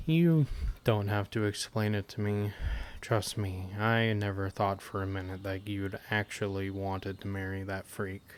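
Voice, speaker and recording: A man's clean, fairly low voice carries an earnest, comforting mood as he plays a caring, teasing adventurer consoling a member of his party. The amateur audio roleplay is gentle, halting, and conversational.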